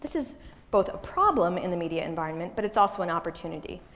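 A woman giving a public lecture on a wireless microphone, talking quickly and conversationally with asides and restarts. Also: on the low side, lively intonation, a bit bright. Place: lecture hall. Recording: reverberant hall.

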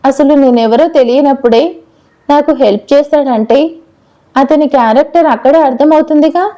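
A woman's voice: high-pitched, moderate pace, warm tone, close to an everyday voice, low-quality recording. A woman doing a troubled pregnant young woman. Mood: irritated. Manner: sad, then irritated.

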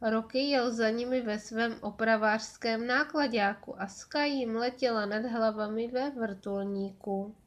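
A woman narrating a children's audiobook in a clear, measured storytelling voice. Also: on the high side.

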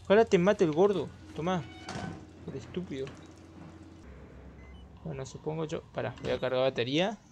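A young Argentine man narrating a horror game he is playing, his voice a touch high. He is excitable and jumpy, swearing freely and yelping at scares, with faint background noise behind him. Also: normal speed, gravelly, long pauses. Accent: Argentine Spanish. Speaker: gamer. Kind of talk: horror let's play commentary.

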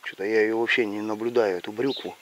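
A man's voice: fairly even intonation, quick pace, a bit bright. Lisping man chatting outdoors, noisy recording. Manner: slushy lisp on s and sh sounds after a pulled lower tooth. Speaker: village life vlogger. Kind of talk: casual rambling vlog chat. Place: outdoors in a village yard and garden. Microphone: action camera held at arm's length. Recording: outdoor camera audio with background noise.

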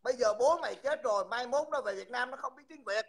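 A man's voice: extremely high pitch, fast. A man, hosting a livestream and mockingly insulting someone over and over. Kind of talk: heated livestream taunting.

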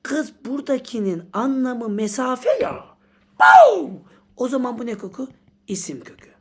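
A woman teaching a lively exam-prep lesson, theatrical, with mock threats and sudden swings from shouting to whispering. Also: a little high, moderate pace. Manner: mock threats and comic outbursts.

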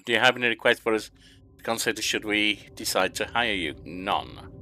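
Sitting at a desk at home, this gaming YouTuber, an older man from England, gives casual let's-play commentary on a management game, voicing its questions and then answering them himself. He speaks a little fast in a fairly low, sharp voice, with a little hiss or hum on the audio.

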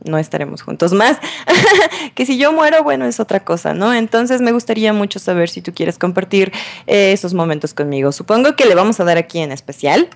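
A woman's voice: mid-range voice, expressive, brisk, gravelly. A woman giving playful, chatty let's play commentary as a gamer, talking to the game's characters in a teasing role-play.

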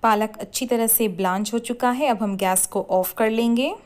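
A woman hosting a cooking channel, giving clear step-by-step recipe instructions in a scripted voice-over. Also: fairly high pitch, normal speed, a little mellow. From India.

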